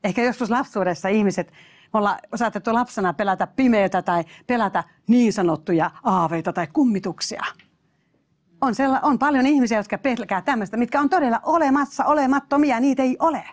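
Woman preaching a sermon, fervent, calls out hallelujah, sometimes sinks to a whisper. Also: fairly high pitch. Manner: emphatic, exclaiming hallelujahs and addressing listeners directly.

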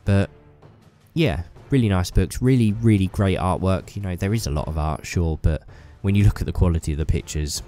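A deep, dark-toned man speaks fairly quickly with faint music behind him. He's a YouTuber with a cold, a little bunged up, chatting casually and eagerly to viewers about his hobby and rambling with fillers.

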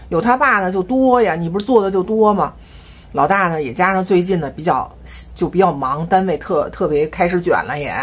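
A woman's voice: on the low side, breathy edge. A woman in her fifties with a Beijing accent, talking to her viewers in a chatty, rambling, confiding monologue. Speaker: family vlogger.

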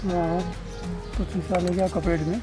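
A man's voice: high voice, fairly even intonation, normal speed, over music. An older man selling street food outdoors gives terse, brief answers into a mic the host holds out to him. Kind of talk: short answers in an interview. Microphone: handheld mic held out by the host.

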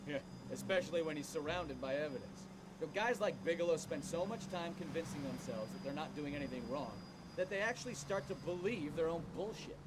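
A man playing a world-weary 1940s cop in a noir game. His higher voice is wry and cynical, under loud engine and street noise. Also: lively intonation, a little fast, lightly acted. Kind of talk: noir crime game acting. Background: car engine, city traffic.

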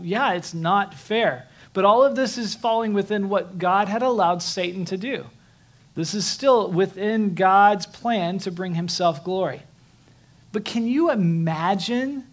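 A pastor preaching a sermon, telling a personal story in an earnest, conversational way with frequent restarts. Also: male voice, high-pitched.

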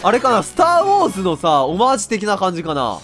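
A young man giving loud, joking let's-play commentary, often laughing and shouting at the screen. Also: sits high, wildly swooping pitch, racing, faint music behind. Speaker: game commentator.

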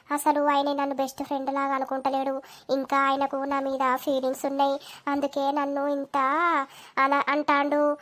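A woman's voice: high-pitched, lightly acted. A woman voicing a tearful, defensive village woman with a Telangana accent. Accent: Telangana Telugu. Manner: defensive, wounded. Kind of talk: animated village comedy dialogue.

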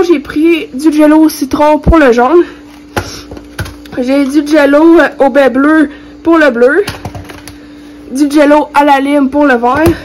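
This is a high-pitched young woman, a vlogger with a Quebec French accent, whose congested voice shows she has a cold. She gives an informal, faltering cooking tutorial to camera in her home kitchen. The low-quality recording picks up clear background noise.

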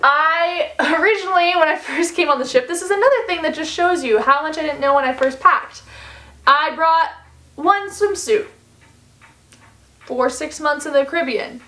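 Her voice high and sharp at a moderate pace, a woman in her 20s vlogs casually about packing. She's upbeat and scatters "like"s and "um"s throughout. She's indoors in a carpeted living room next to a fireplace.

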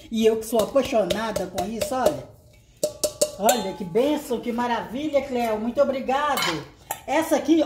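A woman vlogger chatting casually to her viewers, exclaiming warmly over each gift she unpacks. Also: on the high side, noisy background. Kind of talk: casual unboxing chat. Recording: echoey room.

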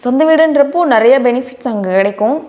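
A woman talks softly and reflectively in a casual family vlog. Her voice sits a little higher than most. She speaks from indoors at home. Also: lively intonation, fast. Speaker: family vlogger, co-host.

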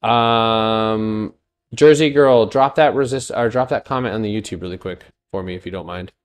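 A stock trading streamer in his thirties talks through charts live, joking loosely with his chat between points. His fairly low voice keeps a moderate pace.

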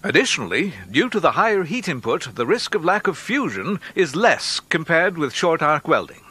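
Bright-voiced male training-film narrator. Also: a little high, big pitch swings, husky. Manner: measured, instructive, precise. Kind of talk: scripted industrial training narration. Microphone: studio voice-over. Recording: faint music behind narration.

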